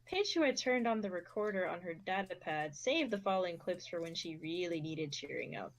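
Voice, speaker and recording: A young woman narrating an amateur fan fiction reading with steady, expressive delivery. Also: fairly low pitch, brisk. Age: young adult.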